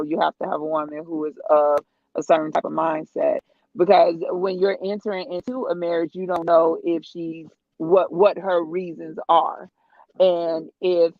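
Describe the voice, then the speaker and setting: A woman's voice: on the low side, dry recording. A woman panel guest speaking carefully over a shaky call connection. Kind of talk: casual opinion on a call-in panel. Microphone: video call. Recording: dull lo-fi call audio with bad connection.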